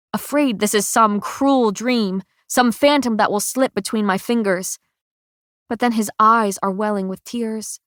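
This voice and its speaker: A woman's voice: mid-range voice, a bit bright, no room sound. Woman narrating an audiobook, dry and close. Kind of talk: first-person audiobook narration.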